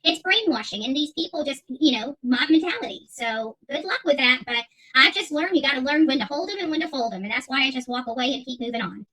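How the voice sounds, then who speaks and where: With a high, animated voice and a sharp tone, she talks fast with few pauses on a rough recording. She is a middle-aged woman hosting her channel's unscripted livestream rant, answering viewer chat emphatically, combatively and repetitively.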